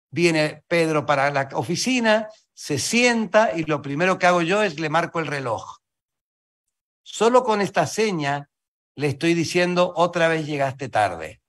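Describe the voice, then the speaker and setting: A man gives a motivational sales seminar, and his voice sits fairly high. It swings up and down as he throws questions at the crowd and slows down to repeat his key lines. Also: a bit bright. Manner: asks the audience rapid questions, repeats key phrases slowly. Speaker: sales team leader speaking to distributors.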